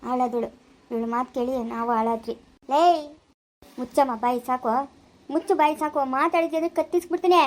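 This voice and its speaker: A woman voicing a calm, protective elder brother-in-law who soothes and reassures. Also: high voice, brisk, pauses often, close to an everyday voice. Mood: soothing. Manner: soothing, steady.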